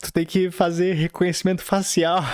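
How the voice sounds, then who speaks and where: A man's voice: high voice, little pitch movement, moderate pace, darkish tone, smooth, no echo, clean studio sound. A man with a Brazilian accent, hosting a podcast and telling a personal story in a rambling, slangy way full of fillers and acted-out dialogue. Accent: Brazilian Portuguese. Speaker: podcast host. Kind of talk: casual storytelling.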